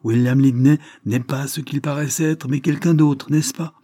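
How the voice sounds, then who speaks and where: A frank, cheerful young gentleman speaking lightly and with good humour, as a male reader puts him on. His voice is lifted in pitch over a mellow, husky grain. The sound is close and dry. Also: fairly even intonation, moderate pace, no echo, natural voice. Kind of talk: audiobook character reading.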